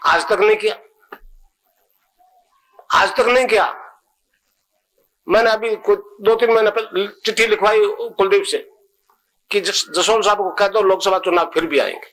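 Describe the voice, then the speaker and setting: A man's voice: sits high, a bit bright, poor audio. A man giving a sermon as a spiritual guru, repeating phrases for emphasis and asking rhetorical questions. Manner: slowly chants and spells out mantra syllables. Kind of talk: sermon to a gathering.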